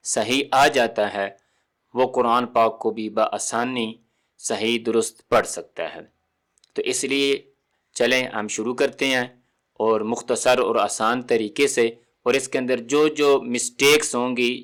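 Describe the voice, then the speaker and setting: A man's voice: medium pitch, fairly bright tone. Patient man teaching recitation step by step. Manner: patient, repeats sounds slowly and checks with "theek hai?". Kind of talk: step-by-step tajweed lesson.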